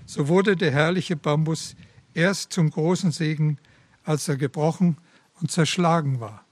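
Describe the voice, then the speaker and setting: A man's voice: on the high side, unhurried. A man giving a devotional talk in a solemn, reverent way and reading a story aloud. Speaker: preacher.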